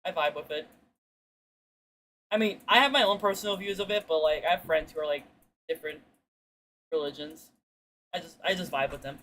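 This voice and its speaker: Chatting with viewers while she games, a woman streamer rambles through stories in slang, swears now and then, and acts out what people said. Her voice is bright and forward yet fairly deep for a woman, and she talks briskly with long pauses. The audio is poor, with faint background noise.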